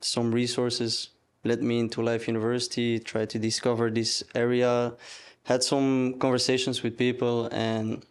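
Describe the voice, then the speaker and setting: A man's voice: medium pitch, completely flat delivery, normal speed, clean tone. A man in his twenties from Belgium, a student soccer captain, answering interview questions casually with many hesitations and fillers. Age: 20s.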